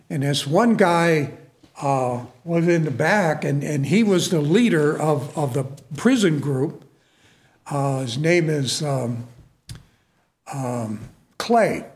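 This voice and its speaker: A man's voice: a little high, animated, takes it slowly. A man preaching and telling a story in a folksy, earnest way, often repeating his words and calling for an amen. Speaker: preacher and prison minister. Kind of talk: storytelling sermon.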